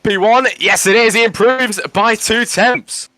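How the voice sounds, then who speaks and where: Bright, high-voiced male racing commentator. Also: a little slow. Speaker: race commentator. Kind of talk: live esports motor racing commentary.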